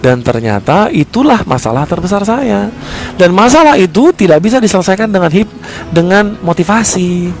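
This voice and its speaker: A man's voice: sits high, very animated, normal speed, soft background music. A man speaking, giving a motivational sales-coaching talk. He is emphatic and keeps asking rhetorical questions and answering them himself.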